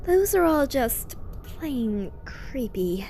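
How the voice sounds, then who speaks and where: A woman's voice: sits high, big pitch swings, very slow, mellow, slight background noise, voice pushed up, full character voice. A woman voicing a fussy, easily disgusted female pony in a story, dramatic and complaining.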